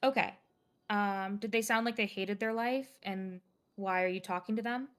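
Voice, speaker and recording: A woman's voice: mid-range voice, fairly even intonation, normal speed, clear, resonant tone, lightly acted. A woman in a live game roleplay, voicing a female officer who questions a witness with many fillers. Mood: methodical. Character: methodical female officer taking a statement. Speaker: police investigator questioning a witness.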